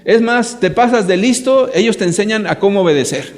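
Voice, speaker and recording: A man's voice: high voice, expressive, fairly quick. A man preaching to a live audience. He speaks emphatically, asks rhetorical questions and addresses his listeners directly. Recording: echoey hall reverb.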